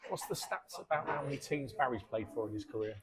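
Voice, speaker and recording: Fast-talking man commentating in a busy pub. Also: mid-range voice. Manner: dry, teasing quips. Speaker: pool co-commentator. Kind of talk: casual live commentary. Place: pub during a pool match. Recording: noisy pub crowd behind. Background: pub crowd chatter.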